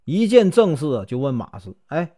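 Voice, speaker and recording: A man telling a folk tale with a Northeastern Mandarin accent, chatty and full of drawn-out fillers. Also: mid-range voice, very animated, dark tone, husky. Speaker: storyteller.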